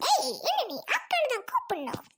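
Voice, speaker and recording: A woman's voice: very high-pitched, huge pitch swings, fairly quick, very noisy, pitched above the performer's own voice, heavily acted. A woman voicing a cheeky young woman friend who teases and bosses others about, in a comic family skit. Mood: bossy. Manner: teasing and bossy.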